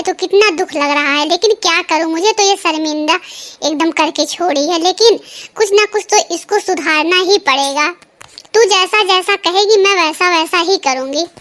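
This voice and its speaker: A woman's voice: extremely high pitch, a bit bright. A woman voicing a fretful middle-aged mother in a cartoon story, scolding and pleading by turns. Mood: worried.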